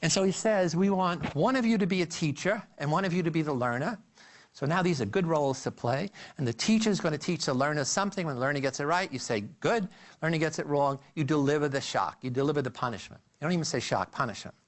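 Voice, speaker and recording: Man, lecturer, slightly high voice, animated storytelling, frequent restarts. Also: fast.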